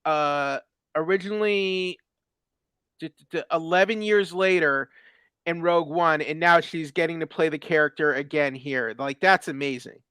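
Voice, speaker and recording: Male co-host, high and smooth, casual and halting with lots of uh and restarts. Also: a bit bright, no room sound. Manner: hesitant, many fillers and restarts. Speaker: watch party co-host. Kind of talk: casual pop-culture chat.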